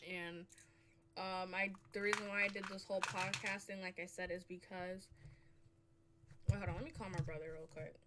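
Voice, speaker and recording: A young woman hosting a casual podcast, talking loosely and breaking into loud bursts of laughter. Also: fairly low pitch, little pitch movement, normal speed, heavy background noise. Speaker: podcast host. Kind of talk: casual chat.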